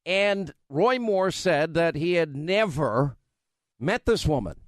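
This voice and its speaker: A man's voice: fairly high pitch, animated, slow, no room sound. A man from New York with a New York accent, hosting a political talk radio show in an emphatic, conversational way full of rambling asides.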